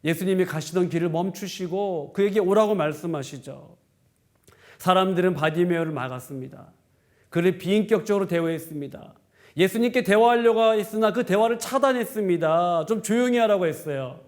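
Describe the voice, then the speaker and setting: A man's voice: sits high, darkish tone. A male pastor giving a sermon, retelling a story and asking rhetorical questions.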